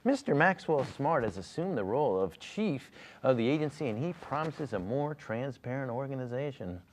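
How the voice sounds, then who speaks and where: A man playing a TV news anchor in a parody newscast, halting and stammering in his delivery. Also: medium pitch, animated, a little hiss or hum, natural voice. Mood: earnest announcing. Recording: slightly dull, lo-fi audio.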